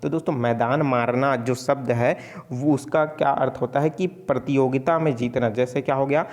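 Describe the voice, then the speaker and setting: A man's voice: mid-range voice, steady tone, normal speed, a little mellow, in a large hall. A man from Chhattisgarh teaching an exam-prep Hindi grammar lesson, speaking casually to viewers as friends and answering his own questions.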